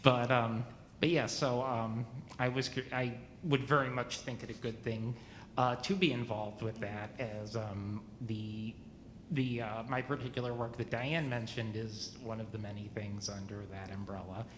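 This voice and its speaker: A man's voice: mid-range voice, fairly even intonation. Brief: man in his forties, community questioner, stumbling, self-correcting delivery, roomy hall echo, faint hiss. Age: 40s. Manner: halting, stumbles and restarts often. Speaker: church member asking questions. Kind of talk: question at a church meeting. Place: church meeting room.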